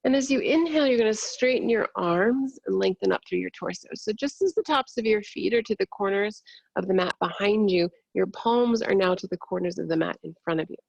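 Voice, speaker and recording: A woman yoga instructor giving gentle, soothing, unhurried cues in a soft, breathy, husky voice. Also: medium pitch, no room sound, poor audio. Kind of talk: guided yin yoga instruction.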